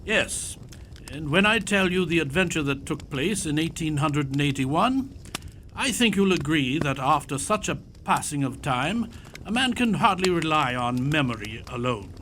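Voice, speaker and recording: A man playing a genial elderly Doctor Watson in audio theatre, a courtly Victorian gentleman telling his memories. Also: on the high side, animated, moderate pace, a little hiss or hum. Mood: reminiscing. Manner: courtly, old-fashioned turns of phrase.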